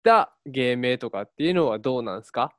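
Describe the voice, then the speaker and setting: A man with a Kansai accent chats casually as a radio co-host. His pitch is mid-range and he plays the teasing straight man. The sound is close and dry, with little room in it. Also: lively intonation, brisk, no room sound.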